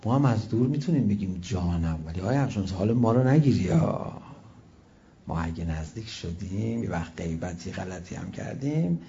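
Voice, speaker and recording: A man preaching a sermon, telling stories and shifting between loud exclamations and quiet asides. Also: low voice, lively intonation, gravelly, highs cut off, a little hiss or hum. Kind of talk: religious sermon with storytelling.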